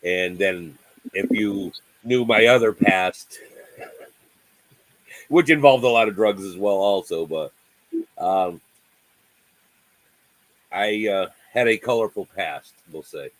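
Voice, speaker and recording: A man's voice: lowish voice, slow pace, pauses often, a bit bright, no echo, poor audio. A man in his sixties hosting a casual livestream chat from home on a video call, talking in a friendly, rambling way with many restarts. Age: 60s. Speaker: livestream host.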